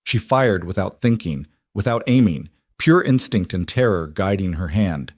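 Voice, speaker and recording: Low-voiced man narrating a western story. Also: no echo, clean studio sound. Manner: steady, measured storytelling.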